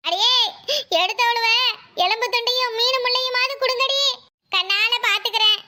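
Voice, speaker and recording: A woman's voice: extremely high pitch, normal speed, pushed and bright, a little hiss or hum, full character voice. A woman voicing a sly, greedy young village woman in a cartoon, mocking and theatrical, with a Kanyakumari Tamil accent. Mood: mock wailing. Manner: mocking, theatrical wailing, gossipy. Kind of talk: cartoon voice acting.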